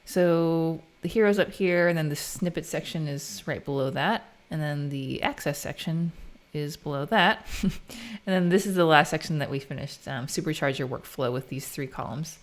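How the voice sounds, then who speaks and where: A deep-voiced American woman talks at normal speed while coding live on stream. The tone is relaxed and informal as she thinks aloud.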